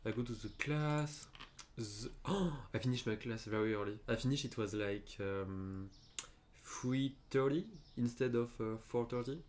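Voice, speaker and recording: A man's voice: medium pitch, a little slow, slight background noise. Chatty young French-accented man streaming. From France. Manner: chatty, hesitant, lots of fillers and restarts. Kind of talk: casual gaming chat.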